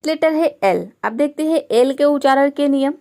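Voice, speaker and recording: A woman's voice: sits high, expressive, moderate pace, dark tone. A woman teaching an English pronunciation lesson step by step, patiently explaining each letter and asking rhetorical questions to her students.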